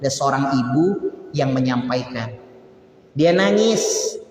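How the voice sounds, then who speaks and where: A man's voice: mid-range voice, lively intonation, slow pace, a little hiss or hum. A man preaching a casual, conversational sermon in a mosque. He keeps addressing the listeners directly and builds to emphatic peaks. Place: large mosque hall. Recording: very echoey mosque hall.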